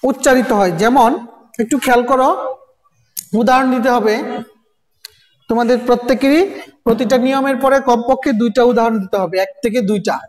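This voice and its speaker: Teacher, recorded lesson, keeps asking the class questions, repeats sounds slowly, echoey room, long reverb. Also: mid-range voice, fairly even intonation, darkish tone. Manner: constant rhetorical questions to students, repeating and spelling out sounds. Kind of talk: recorded grammar lesson for students.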